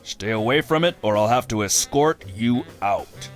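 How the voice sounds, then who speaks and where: An actor playing a surly, sarcastic bodyguard with a mobster past in a comic cartoon game, curt and threatening. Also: male voice, mid-range voice, animated, moderate pace, faint music behind, natural voice. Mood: surly menace. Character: surly, sarcastic male tough-guy bodyguard and former mobster. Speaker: presidential bodyguard character.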